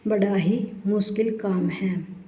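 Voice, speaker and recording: A woman voicing a stern, proud emperor who is quick to anger, in a slow, commanding storybook reading. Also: mid-range voice, steady tone, lightly acted. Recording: roomy, dull lo-fi recording.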